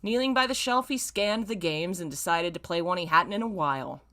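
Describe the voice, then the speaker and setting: On YouTube, a woman reads fan fiction aloud, narrating it dramatically and breaking off for casual, self-mocking remarks. Her voice is fairly low and sharp in tone, and she talks a little fast.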